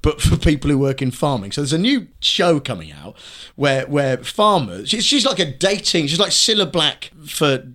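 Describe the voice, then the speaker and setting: A man with a fairly high voice hosts in a casual, comic ranting style. His pitch swings about a lot as he cuts across his own sentences with mock exasperation. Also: big pitch swings, normal speed, hardly any pauses, pushed and bright. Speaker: podcast host.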